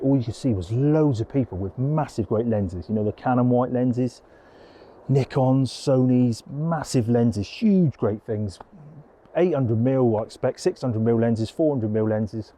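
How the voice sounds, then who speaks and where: Out on a coastal headland, a landscape photographer chats casually for a vlog, rambling in a down-to-earth way. His voice is mid-range and warm.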